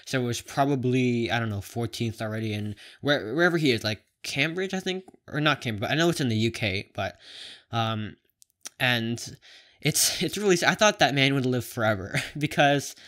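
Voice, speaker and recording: A man's voice: medium pitch, lively intonation, a bit bright. A young man from Canada talking casually to camera, with a lisp and whistling s, rambling and often correcting himself. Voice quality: lisp with whistling s from plastic braces. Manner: rambling, halting, self-correcting. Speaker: video blogger.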